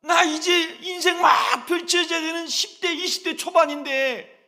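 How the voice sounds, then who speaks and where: A pastor voicing a young man who pleads with God and laments his hard life, shouting his questions. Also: extremely high pitch, steady tone, a little slow, voice pushed up, exaggerated voice. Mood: anguished pleading.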